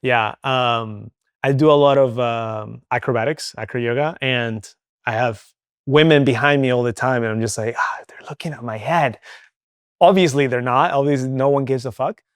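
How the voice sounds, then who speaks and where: A young man from Venezuela speaks as an interview guest, open and chatty, leaning on fillers as he goes. His voice is smooth and clear, sits at an ordinary pitch, and is recorded close and dry. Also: normal speed, no echo. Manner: candid, chatty, many fillers like "um" and "like". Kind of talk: casual interview talk.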